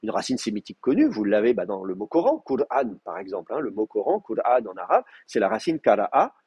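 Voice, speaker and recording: A man's voice: on the low side, very animated, a little fast, dark tone, husky, lo-fi sound. A man lecturing a Hebrew class, explaining patiently with many fillers and restarts. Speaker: Hebrew teacher. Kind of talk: university lecture.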